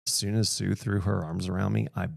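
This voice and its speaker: Low gravelly man, candid and reflective. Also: level tone, a little fast, no room sound, studio quality. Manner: candid, reflective, laughs often. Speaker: podcast host, interviewee. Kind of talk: casual conversation.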